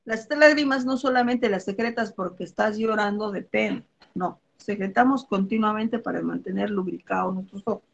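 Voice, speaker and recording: A woman explains biology in an online review class, leaning on everyday examples. Her voice has a gravelly fry to it, and the recording sounds dull and lo-fi. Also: medium pitch, normal speed. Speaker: biology teacher.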